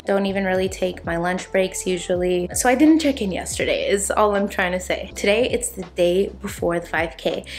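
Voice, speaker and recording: A young woman vlogger talking casually to camera in a candid, conversational, self-deprecating way, indoors in a home kitchen. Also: mid-range voice. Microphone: camera at about arm's length.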